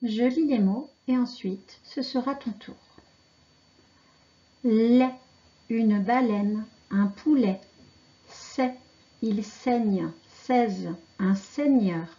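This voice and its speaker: A woman teaching children to read, pronouncing syllables and words slowly and carefully. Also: a little high, mellow, highs cut off. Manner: slow, carefully articulated dictation. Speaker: reading teacher. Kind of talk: slow reading lesson for children.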